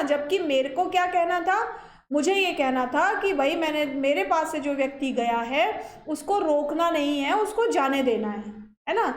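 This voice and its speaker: A woman teacher giving a grammar lecture, explaining step by step and checking in often with her listeners. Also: extremely high pitch. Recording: echoey room.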